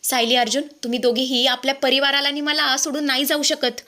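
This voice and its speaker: Woman voicing a scheming young wife, fake sorrow, overacted, high bright voice. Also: flat delivery, a little fast. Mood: fake grief.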